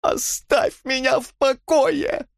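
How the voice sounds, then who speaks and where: A man's voice: very high-pitched, fairly even intonation, slow pace, gravelly, no echo, clean studio sound, voice pushed up, exaggerated voice. A man doing a sullen drunken clergyman. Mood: self-pitying outburst. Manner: slurred, sullen, whining. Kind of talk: audiobook reading.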